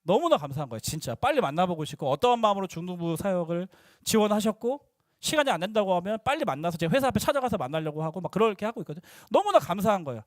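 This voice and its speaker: A young male youth pastor preaching to middle schoolers, lively and teasing, slipping into casual talk with the teens. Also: sits high, dry recording, clean studio sound.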